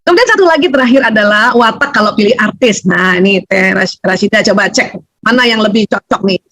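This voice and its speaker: A woman, giving a lively seminar talk as a doctor, laughing often and acting out voices. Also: mid-range voice, brisk, dry recording, poor audio.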